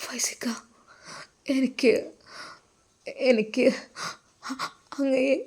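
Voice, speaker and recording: A woman voicing a shy young woman who speaks in a hushed, trembling voice. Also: high-pitched, steady tone, unhurried. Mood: tearful.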